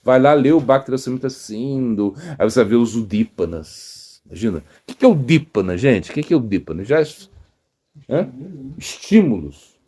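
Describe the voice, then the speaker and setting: A middle-aged man with a Brazilian Portuguese accent, giving a casual storytelling sermon as a monk, animated, with many fillers and repeats. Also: mid-range voice, normal speed, breathy edge. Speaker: monk giving a spiritual talk.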